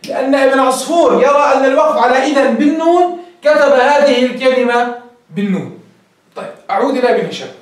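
A man with a very high voice gives a grammar lesson, explaining each point step by step and firing questions at his students. His voice rings around a strongly echoing classroom, picked up by a microphone some way off. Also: lively intonation, quick pace. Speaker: teacher of Arabic grammar. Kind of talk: classroom lecture. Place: classroom with a board. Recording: very echoey room, mic far off.

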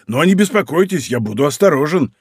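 A man voicing a big, clumsy, good-natured giant who talks loud, slow and bewildered. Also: fairly high pitch, very animated, husky, no echo, studio quality. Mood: bumbling loud.

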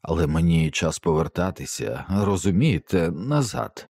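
A man voicing a frail, wasted man with a dry, brittle voice who talks slowly and vaguely, like a child. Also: low voice, lively intonation, a little mellow, husky, no echo, exaggerated voice. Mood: dreamy. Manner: slow, drifting, childlike. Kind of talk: audiobook character voice.

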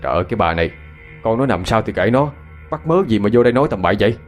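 A gruff, impatient father barking at his wife and child, played by a male narrator. He talks loud and fast in a lively voice, with faint music behind. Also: fairly low pitch, lightly acted.

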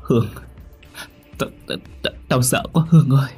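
A man's voice: mid-range voice, normal speed, mellow, breathy edge, soft background music, pitched above the performer's own voice. A man voicing a terrified young woman who begs frantically, in a horror story reading. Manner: frantic, begging.

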